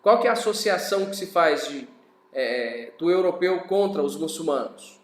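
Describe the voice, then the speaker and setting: A man's voice: fairly high pitch, expressive, moderate pace, roomy sound. A man teaching a recorded class lecture in a conversational way, often checking in with tag questions.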